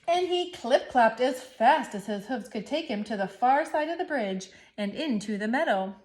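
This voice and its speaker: Brief: woman storyteller, slightly high voice, playful expressive read-aloud for kids. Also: moderate pace.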